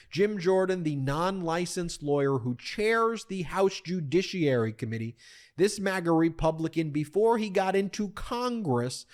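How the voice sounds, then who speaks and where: A man's voice: high-pitched, a little mellow. A man hosting a political commentary, indignant, often repeating himself and addressing his audience as folks.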